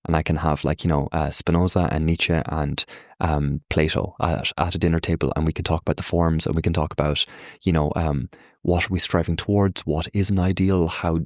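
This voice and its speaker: Podcast guest, young man, deep voice, lively storyteller, close dry sound. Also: a little fast, no room sound. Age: young adult. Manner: animated, acts out quoted voices, frequent fillers. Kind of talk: reflective conversational explanation. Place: Ireland.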